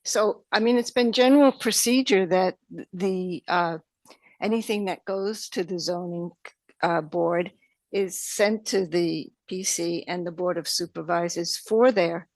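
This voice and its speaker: Halting New York woman at public comment. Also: on the low side, dry recording. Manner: halting, many fillers and restarts. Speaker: resident giving public comment. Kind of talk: public comment at a township meeting. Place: township meeting room.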